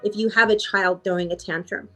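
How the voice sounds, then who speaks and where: A woman's voice: medium pitch, fairly even intonation, brisk, sharp tone, faint music behind. A woman life coach answering in a podcast interview, reflective and repeating phrases for emphasis.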